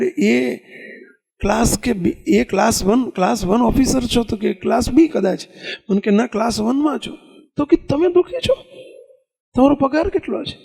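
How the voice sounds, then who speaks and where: A man with a Gujarati accent preaches a sermon through animated storytelling, putting rhetorical questions to his listeners. His voice is very high-pitched and gravelly, with a breathy edge.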